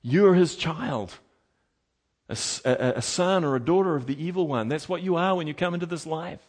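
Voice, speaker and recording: A man preaching a sermon with passion, moving from loud exhortation to hushed tones. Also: on the high side, fairly quick.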